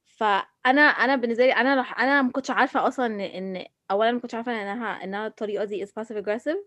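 A woman with an Egyptian accent talking casually about herself, halting and restarting as she switches between Arabic and English. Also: fairly high pitch, a bit bright, dry recording. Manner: mixes Arabic and English mid-sentence. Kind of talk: casual personal discussion.

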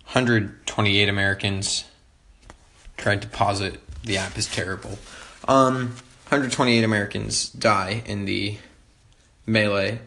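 A man's voice: fairly low pitch, fairly even intonation, measured pace, gravelly, bright, forceful tone, roomy sound, a little hiss or hum. A man giving a casual history lecture, talking loosely with many fillers and wry asides. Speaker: history tutor.

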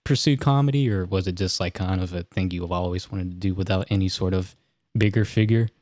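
A laid-back male podcast host who asks short, easygoing questions and laughs often. His voice sits low, and the recording is dry and close with no room sound. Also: brisk, a little mellow, no room sound. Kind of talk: casual interview chat.

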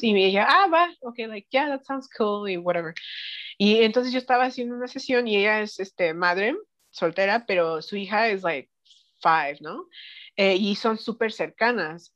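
A woman's voice: mid-range voice, lo-fi sound. A woman with a Mexican Spanish accent, a psychic guest telling anecdotes in casual chat, often slipping English phrases into her Spanish and acting out quotes. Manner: mixes English phrases into Spanish, animated quoting.

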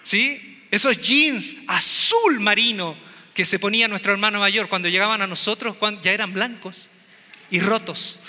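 A man's voice: high voice, bright, forceful tone. A man preaching a sermon in a humorous, conversational way, asking the congregation questions. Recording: echoey hall.

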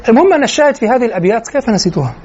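High-voiced man explaining classical poetry. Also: animated, a little mellow. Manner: explains verses line by line, reciting lines slowly. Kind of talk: poetry lesson mixing classical recitation and colloquial asides. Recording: dull lo-fi recording with faint noise.

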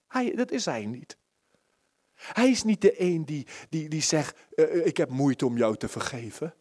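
A man preaching at a church service in a slightly raised, husky voice. He is impassioned, pushing up into urgent pleading, then dropping to a hushed whisper. The sermon has a personal, testimonial tone. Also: fairly high pitch.

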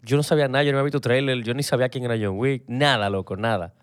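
A man's voice: mid-range voice, steady tone, very fast, no echo, clean studio sound. A man with a Dominican accent co-hosting a casual film podcast, telling things in colloquial, slangy speech. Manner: slangy storytelling, often says "loco". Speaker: podcast co-host.

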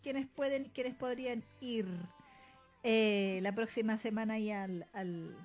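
A woman's voice: on the high side, steady tone, unhurried, a little mellow, faint music behind. A woman with a Chilean accent co-hosting a podcast in casual chat, chatty and laughing often. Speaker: podcast co-host.

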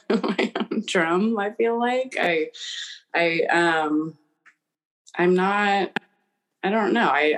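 A woman in her thirties co-hosting a podcast, talking casually and hesitantly with frequent restarts and laughs. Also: fairly low pitch. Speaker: podcast co-host. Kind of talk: casual chat.

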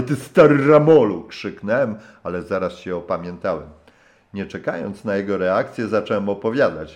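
A man reading a travel memoir as an audiobook, in calm, measured narration. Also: lowish voice. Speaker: audiobook reader. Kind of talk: scripted narration.

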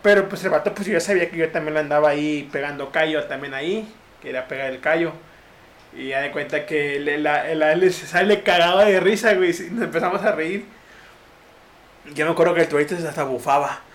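A man's voice: on the high side, a little fast. A young man, telling a story in casual podcast chat, full of slang and acted-out quotes. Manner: slangy, animated, acts out quotes in raised voices. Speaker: podcast host.

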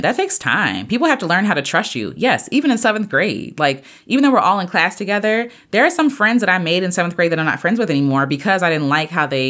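Thirty-something woman podcasting, lowish voice, preachy and heartfelt, jumps way up in pitch when she gets fired up. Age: 30s. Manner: earnest, preachy, animated with sudden pitch jumps. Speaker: podcast host and singer. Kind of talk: casual motivational podcast monologue.

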